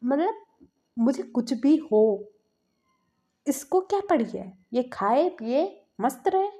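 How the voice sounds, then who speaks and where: A woman's voice: high-pitched, animated, takes it slowly, warm tone, full character voice. A woman voicing a rude, stubborn young man who snaps at his family. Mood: angry. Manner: curt, angry.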